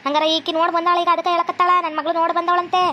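A woman doing a shrill, nagging village mother. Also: flat delivery, lo-fi sound, slight background noise. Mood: scolding. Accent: North Karnataka Kannada. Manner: rapid nagging scolding. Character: scolding village mother, fussy and loud. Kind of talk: cartoon comedy voice acting.

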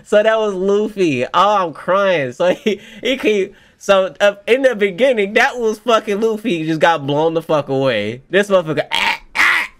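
A man's voice: high-pitched, moderate pace, hardly any pauses, a bit bright. A man doing a casual live reaction, talking straight to viewers, laughing often and breaking into exclamations. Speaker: manga reaction streamer.

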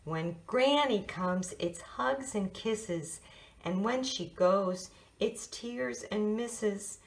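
A female teacher reading a children's picture book aloud, playful and expressive. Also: medium pitch, drawn-out words, gravelly. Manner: sing-song, playful, expressive read-aloud. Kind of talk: storybook read-aloud for children.

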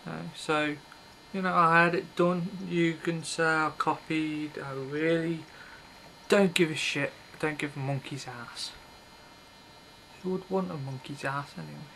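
Talking off the cuff into his webcam's built-in mic, this thirtysomething vlogger delivers a loose, rambling monologue from a small bedroom with red curtains, often cutting himself off mid-thought in a blunt, offhand way. His voice is on the high side and sharp, with vocal fry, a steady tone and a measured pace. The audio is poor, with a little hiss or hum.

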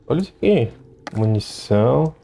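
A man chatting to himself while playing a game, shouting in the fights. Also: mid-range voice, sing-song, normal speed, creaky, a little hiss or hum. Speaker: gameplay commentator. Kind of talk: let's play commentary.

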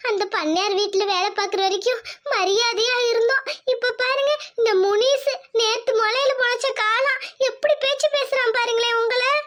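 A woman doing a worried village wife, very high. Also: fairly even intonation, normal speed, a bit bright. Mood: upset, pleading. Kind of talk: cartoon voice acting.

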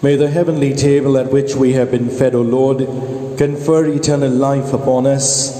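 Priest, male, measured and solemn liturgical delivery; dark tone, long cathedral echo. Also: mid-range voice, level tone. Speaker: priest leading Mass. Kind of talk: liturgical prayer. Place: large church. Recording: long church reverb, faint room hiss.

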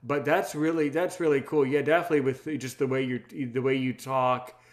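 A podcast host from Maryland speaks fairly quickly in a mid-range voice with fairly even intonation. In a casual interview chat, he rambles and teases, often repeating his words.

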